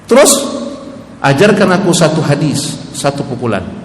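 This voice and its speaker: A man's voice: fairly high pitch, big pitch swings, normal speed, pitched below the performer's own voice. Young boy figure, firm and insistent, played by a man, long reverb. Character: stubborn young boy, about ten, determined.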